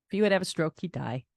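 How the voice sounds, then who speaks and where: An older woman host telling a personal caregiving story in a soft, reflective way, restarting her sentences as she goes. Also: fairly low pitch, creaky, no room sound, clean studio sound. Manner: reflective, soft-spoken with frequent laughs and restarts.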